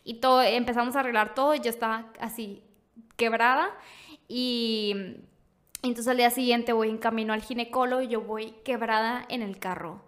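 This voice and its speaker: High-voiced Mexican woman, animated storyteller. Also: moderate pace. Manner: animated, acts out quoted voices, breaks into laughs. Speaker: podcast guest. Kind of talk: casual storytelling chat.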